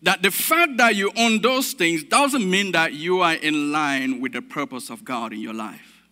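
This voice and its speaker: A man's voice: high-pitched, sharp tone. A man from Cameroon preaching a sermon, driving points home with repetition and calls of amen. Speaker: pastor. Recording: long reverb of a large hall.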